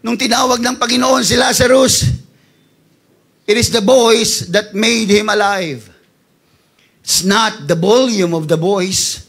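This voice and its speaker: High, gravelly pastor preaching. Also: male voice, slow, long pauses. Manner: passionate preaching, swings from hushed to shouting. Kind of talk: sermon.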